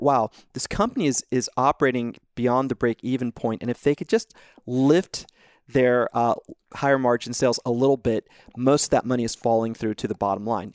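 A man's voice: mid-range voice, a little mellow, no echo, studio quality. Easygoing man explaining stock picks. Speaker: podcast co-host. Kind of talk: casual investing analysis.

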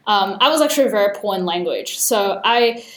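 A woman's voice: medium pitch, expressive, brisk, fairly bright tone, echoey room. A young woman raised in Australia and Hong Kong, talking thoughtfully as an interview guest, with many fillers. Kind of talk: casual interview conversation.

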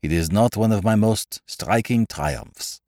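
A man's voice: fairly low pitch, animated, a little slow, a little mellow, dry recording, studio quality. Man voicing Poirot, a fussy detective. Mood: crestfallen. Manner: foreign phrasing, exclamatory, courteous. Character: Belgian male detective, fussy, courteous, theatrically indignant.

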